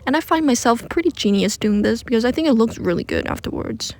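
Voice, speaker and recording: A woman's voice: on the high side, expressive, quick pace, a little mellow, dry recording. A woman recording under a blanket, giving a casual, self-deprecating voice-over for a craft tutorial. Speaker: craft video creator narrating a DIY attempt. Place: recording under a blanket, close and muffled from room sound.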